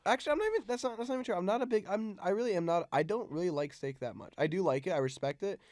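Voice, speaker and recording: A young man with a mid-pitched voice talking quickly in a casual podcast. He often backtracks to correct himself in the middle of a sentence. The sound is dry and close, with no room echo. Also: a little mellow. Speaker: podcast co-host.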